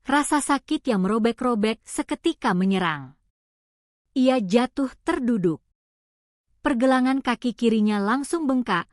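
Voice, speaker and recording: A woman reading a scripted story in a calm, steady storytelling voice. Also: fairly high pitch, no echo, clean studio sound. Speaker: narrator.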